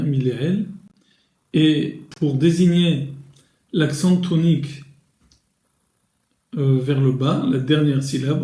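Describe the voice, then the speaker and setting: A man teaches a grammar lesson in a slow, deliberate way, pausing and restarting as he explains. His voice is slightly high and mellow, heard in a roomy, echoey space. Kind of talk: recorded lesson.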